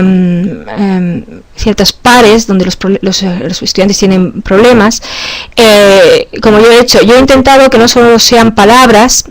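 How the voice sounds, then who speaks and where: A woman from Spain presents her teaching ideas to fellow teachers. She talks in a searching, hesitant way, full of fillers and self-corrections, at a middling pitch. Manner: hesitant, many fillers and restarts. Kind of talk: conference talk.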